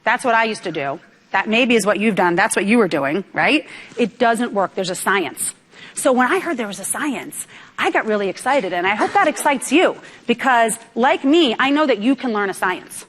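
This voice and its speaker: Lively woman speaker from New York. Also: on the high side, normal speed. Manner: lively, asks the audience questions. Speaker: business speaker. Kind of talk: motivational talk to a live audience. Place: event room with audience.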